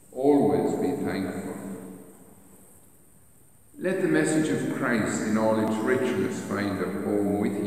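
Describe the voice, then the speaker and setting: Slow male reader in cathedral echo. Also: on the low side, a little mellow. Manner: slow, measured, solemn reading. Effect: cathedral echo, long church reverb. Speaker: lector reading at Mass. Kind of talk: liturgical scripture reading. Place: large church. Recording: echoey church hall from far off.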